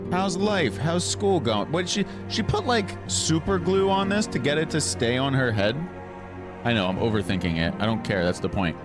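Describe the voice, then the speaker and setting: A man's voice: medium pitch, animated, moderate pace. A man chatting playfully and casually with viewers as he comments on his gameplay. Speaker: game streamer. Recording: game music behind the voice.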